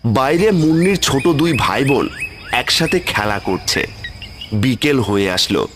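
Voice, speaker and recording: As the storyteller of a scripted horror story, a man narrates in a mid-range, slightly bright voice. A music bed plays beneath him.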